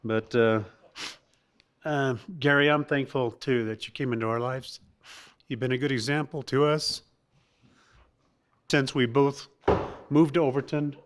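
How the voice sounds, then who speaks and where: A middle-aged man speaking at a family birthday gathering, with a voice of ordinary pitch. He reminisces haltingly, restarting his sentences often and laughing now and then. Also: steady tone. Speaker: son giving a family tribute.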